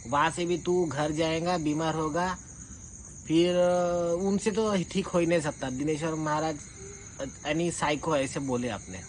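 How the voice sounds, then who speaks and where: A man with a slightly high voice delivers an informal, colloquial rebuttal monologue, accusatory and confrontational, as if airing a grievance. He speaks a little slowly in a steady tone. The audio is poor, with clear background noise of insect-like chirping.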